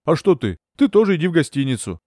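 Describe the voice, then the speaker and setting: Man voicing a calm, wry police officer. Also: fairly high pitch, quick pace, dry recording, clean studio sound, voice pushed up. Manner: calm, dryly mocking.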